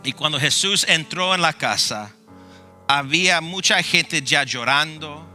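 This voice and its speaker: A male pastor preaching a sermon, telling the story dramatically and swinging between loud passion and hushed tones. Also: a little high, lively intonation, unhurried, faint music behind.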